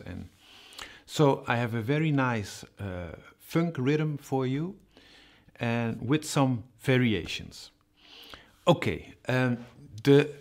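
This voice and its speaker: A man teaching a cajon rhythm, explaining slowly and patiently with many fillers and spoken drum sounds. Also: medium pitch. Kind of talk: music tutorial.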